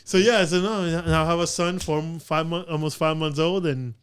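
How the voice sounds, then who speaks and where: A man's voice: on the high side, moderate pace, background noise. A man in his late twenties chatting casually on a podcast, laughing often and slipping Spanish phrases into his English. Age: late 20s. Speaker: podcast guest. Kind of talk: casual chat.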